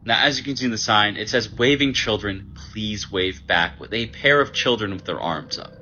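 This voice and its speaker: A man's voice: lowish voice, normal speed, bright, forceful tone. A man telling a story in an earnest, explanatory way for a short video. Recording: dull lo-fi clip with faint noise.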